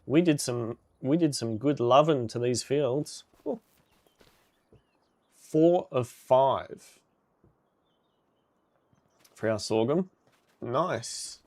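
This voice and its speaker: A man's voice: mid-range voice, drawn-out words, pauses often, a little mellow. A man streaming a game live, chatting casually with viewers and reacting with upbeat exclamations.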